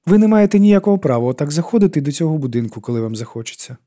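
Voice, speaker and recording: A man reading an audiobook and voicing a distraught woman with a thin, strained, hoarse voice and a sharp, bitter manner. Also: high-pitched, fairly quick, pitched above the performer's own voice. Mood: curt, bitter. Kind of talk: audiobook character voice.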